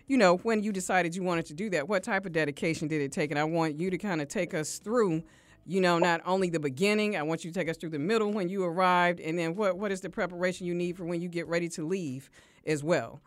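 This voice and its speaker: A woman's voice: lowish voice, dry recording. A woman hosting an interview in a conversational, encouraging way, with long rambling questions. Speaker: interview host.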